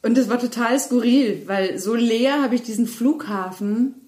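A woman, co-hosting a casual podcast, telling lively stories and laughing often. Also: fairly high pitch, moderate pace. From Bavaria. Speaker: podcast co-host. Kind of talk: casual chat. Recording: roomy echo.

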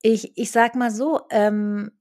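A woman's voice: on the high side, fairly even intonation, slow, darkish tone. Hesitant woman thinking aloud. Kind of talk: casual conversation.

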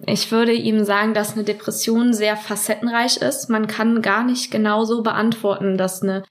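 A woman's voice: mid-range voice, level tone, moderate pace. A woman of twenty-seven from near Trier, a self-help group leader, answering reflectively and searching for images to explain her feelings. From near Trier, Germany. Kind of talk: interview answers.

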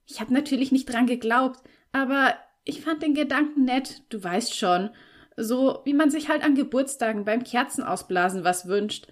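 A woman's voice: sits high, moderate pace, pitched above the performer's own voice, close to an everyday voice. A shy yet stubborn teenage girl, put on by a woman narrator, her voice lifted well above the reader's own. She talks earnestly and with a pleading edge, easily flustered. Heard in an audiobook. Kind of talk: audiobook reading.

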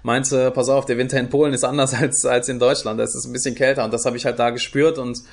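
A young man from Germany talks his way through interview answers, thinking as he goes. He stops often, restarts and fills pauses. His voice sits at a middle pitch. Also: level tone, creaky. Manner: thoughtful, many fillers and restarts. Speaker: guest, youth project leader.

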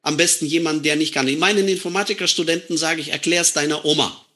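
A man talks through an idea in a relaxed conversation, leaning on simple everyday examples. His voice is bright and sits a little high. He sounds like a lecturer used to explaining things plainly. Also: fast talker. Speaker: computer science lecturer. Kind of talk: casual conversation.

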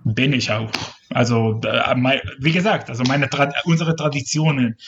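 An Israeli journalist, a native Hebrew speaker with the matching accent, is interviewed on a casual podcast, earnestly explaining and now and then groping for words. His medium-pitched, gravelly voice comes at normal speed through a muffled recording with a noisy background.

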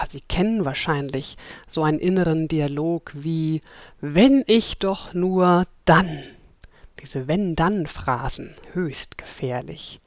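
A woman's voice: lowish voice, dry recording, studio quality. A woman in her thirties from Berlin hosting a self-help podcast, talking chattily and directly to her listeners with light laughs. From Berlin, Germany. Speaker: podcast host. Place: room with open windows.

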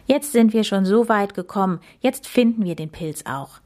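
A woman's voice: medium pitch, animated, normal speed, a little mellow, close to an everyday voice. A woman voicing a brave, confident young boy in a children's story. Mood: determined. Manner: firm, confident.

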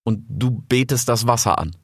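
A man's voice: mid-range voice, normal speed, a bit bright, husky, no echo, studio quality. A man voicing a young grey male fox in a storybook, jumpy and stubborn, stammering when flustered. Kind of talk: audiobook character voice.

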